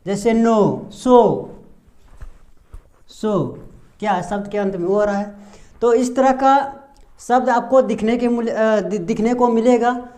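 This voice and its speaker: Slow, questioning Indian male teacher. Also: very high-pitched, a little mellow. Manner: asks and answers own questions. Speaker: English pronunciation teacher. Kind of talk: slow explanatory lesson with repeated questions.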